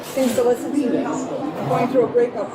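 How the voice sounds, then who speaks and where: A woman's voice: on the high side, little pitch movement, moderate pace, a loud crowd. A woman working as a server, casually recounting an incident, picked up on a body camera. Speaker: bar server. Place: busy airport interior. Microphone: someone else's body-worn camera. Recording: noisy crowded bodycam audio.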